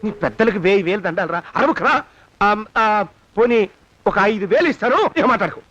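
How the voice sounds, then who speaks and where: An actor playing a stingy, scheming older moneylender who grumbles, hushes and haggles, in a film scene with music behind. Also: male voice, high-pitched, expressive, a little fast, lo-fi sound. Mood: haggling.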